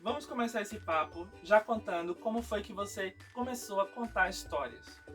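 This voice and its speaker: A woman's voice: medium pitch, lively intonation, normal speed, fairly bright tone, distant mic. Woman hosting a children's show, over music. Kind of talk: presenting a children's interview show.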